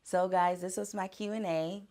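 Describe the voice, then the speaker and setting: A woman singer answering fan questions in a casual vlog, speaking earnestly and reflectively with soft fillers. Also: on the low side, fairly even intonation, moderate pace. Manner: earnest, faith-driven speaking.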